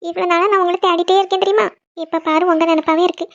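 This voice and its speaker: A woman's voice: extremely high pitch, flat delivery, racing, dull audio. A woman voicing a young wife in a cartoon who misses her husband, speaking in an emotional, pleading way. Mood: longing. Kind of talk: cartoon voice acting.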